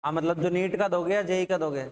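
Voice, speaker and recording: High-voiced male maths teacher lecturing. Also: steady tone, fast talker. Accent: Rajasthani Hindi. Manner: asks the class questions and answers them himself. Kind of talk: classroom lecture.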